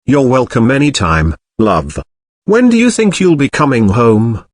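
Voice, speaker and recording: A man's voice: mid-range voice, very animated, unhurried, dry recording, studio quality. A man voicing a kindly old Yorkshire father. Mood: gentle. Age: older. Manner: warm, kindly, gruff self-deprecating. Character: older grieving Yorkshire man, gentle father-in-law. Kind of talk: audiobook character voice.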